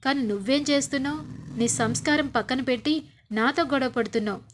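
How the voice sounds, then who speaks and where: A woman's voice: high voice, a little fast, a little hiss or hum, natural voice. A woman voicing a clever young wife who answers back with cutting, indignant retorts. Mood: firm. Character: clever young wife, proud and quick-witted.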